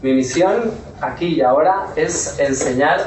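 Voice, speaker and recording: A man's voice: on the high side, unhurried, darkish tone. A man with a Castilian Spanish accent gives an informal workshop talk, telling a story and often checking in with his listeners. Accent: Spain (Castilian Spanish). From Spain. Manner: storytelling, keeps checking in with "¿vale?". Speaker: workshop speaker. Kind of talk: informal lecture to a small audience. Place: talk room at a therapy centre. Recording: echoey room, voice from far off, faint noise.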